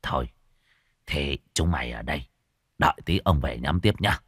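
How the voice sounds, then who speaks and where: A man's voice: a bass voice, lively intonation, moderate pace, fairly bright tone, breathy edge, no room sound, clean studio sound, pitched below the performer's own voice, heavily acted. A man voicing a crude, grumbling old exorcist. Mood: gruff. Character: old male village exorcist, gruff and greedy.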